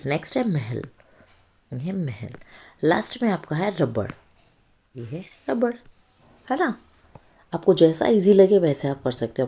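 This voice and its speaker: A woman's voice: lowish voice, dark tone. A woman teaching young children to read, talking patiently through a worksheet and checking in often with the listener. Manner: slow, patient explaining with frequent check-ins. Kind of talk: children's reading lesson.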